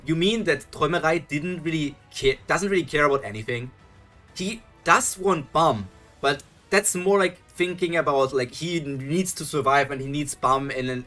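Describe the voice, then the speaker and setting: His voice is a little high and a bit bright. A young German streamer with a German accent, he reacts to a webtoon live in a loose, chatty way, musing aloud, restarting lines, chuckling, and responding to his chat.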